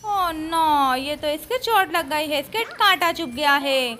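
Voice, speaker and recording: A woman's voice: sits high, lively intonation, unhurried, sharp tone. A woman giving a playful voice-over for a children's comedy skit, exclaiming in a sing-song, childlike way.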